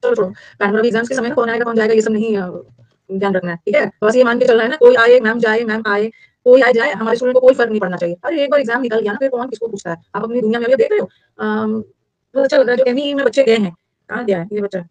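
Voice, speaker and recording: Racing through an online exam-prep vocabulary lesson, a woman with an Indian accent keeps repeating key words, questions her class and slips English into Hindi in a chatty way. Her voice is on the high side, and the recording is dry and low in quality.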